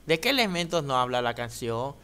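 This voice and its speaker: A man teacher giving a children's reading lesson, patiently sounding out words slowly and checking in with "¿ya?". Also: medium pitch, very animated, bright, forceful tone, echoey room.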